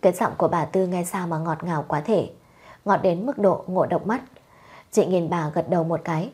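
Husky, low female storyteller, measured audiobook reading. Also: a little mellow.

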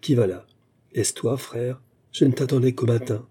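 A man's voice: medium pitch, fairly even intonation, moderate pace, warm tone, breathy edge. A man voicing a frightened young woman who pleads timidly with her angry brother in a read-aloud story. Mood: uneasy.

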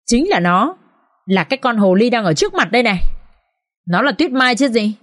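A woman's voice: fairly high pitch, very animated, fairly quick, dry recording, clean studio sound, voice pushed up. A woman voicing a furious, scornful middle-aged mother who screams and scolds.

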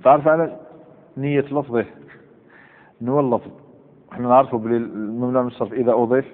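A man's voice: medium pitch, fairly even intonation, quick pace. A man with an Algerian Arabic accent teaching a grammar class, repeating examples over and over and quizzing his students. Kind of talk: classroom lecture. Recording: tinny lo-fi with long hall reverb.

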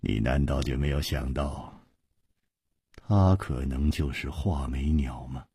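一位男说书人扮演一位沉着潇洒的侠客，说话轻声、从容不迫。. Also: male voice, a bass voice, slow pace, breathy edge, dry recording, clean studio sound, pitched below the performer's own voice, full character voice. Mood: calm. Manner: soft, calm, understated. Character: calm suave hero swordsman, composed.

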